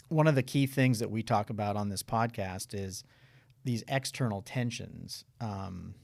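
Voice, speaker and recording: A man's voice: on the low side, a little mellow, no echo. A man hosting a faith podcast interview, asking questions in an earnest, searching way, thinking aloud as he goes. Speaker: podcast host.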